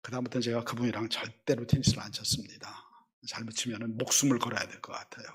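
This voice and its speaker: A middle-aged man preaches with a husky, slightly breathy voice at a medium pitch. He tells his story to the congregation, acting out the people in it, and swings from loud, stressed words to hushed asides. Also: flat delivery, racing. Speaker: senior pastor. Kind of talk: sermon.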